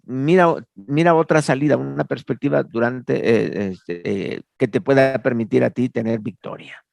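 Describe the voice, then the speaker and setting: Guy teaching a bible class, gravelly voice, dry close sound, keeps repeating his points. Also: mid-range voice, moderate pace, darkish tone, dry recording. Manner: earnest, repeats key phrases, quotes scripture. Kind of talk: class lecture.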